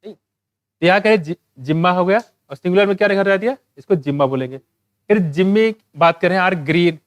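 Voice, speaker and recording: High-voiced man teaching biology. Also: clear, resonant tone, no room sound. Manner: asks and answers his own questions, reads English textbook lines slowly. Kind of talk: exam-prep lecture.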